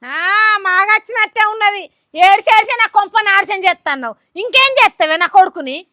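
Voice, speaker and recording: A woman's voice: high voice, quick pace. An actress with a Telangana Telugu accent playing a scheming, harsh middle-aged mother-in-law who scolds and taunts. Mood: scolding. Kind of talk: village short film acting. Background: loud background music.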